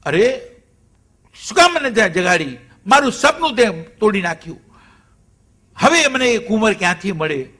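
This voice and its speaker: A man voicing a young princess who is upset at being woken from a dream, speaking in quick, agitated questions. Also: sits high, big pitch swings, pushed and bright, heavily acted.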